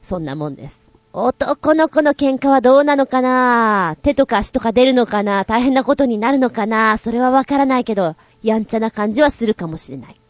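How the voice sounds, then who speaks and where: A woman's voice: on the high side, brisk, no room sound. A woman co-hosting a show in casual chat, telling stories playfully with giggles and exaggerated voices for quoted lines. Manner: animated, playful storytelling with giggles. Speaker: radio show co-host.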